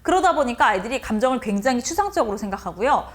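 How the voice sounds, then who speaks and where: This woman's voice is a little high and her delivery rapid-fire as she teaches teachers how to speak with students. In a lively way, she frequently performs both the teacher's and the child's lines, shifting her voice for each.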